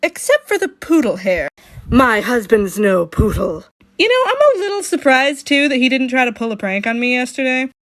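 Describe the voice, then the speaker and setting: A woman's voice: a little high, big pitch swings, normal speed. A woman artist chatting through her drawings in a casual vlog, bubbly, giggly and playfully dramatic. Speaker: artist and video creator.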